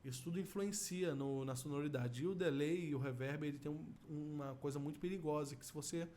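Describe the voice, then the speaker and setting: A middle-aged Brazilian-accented man, an audio effects instructor, walks through an informal software tutorial step by step. His voice is a little high and a little fast, with steady room noise in the recording.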